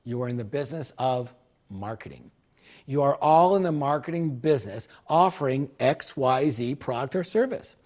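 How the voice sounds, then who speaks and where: A man pitching a business course as a seminar speaker, emphatic and salesman-like, repeating key words for punch. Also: animated, normal speed, a little mellow.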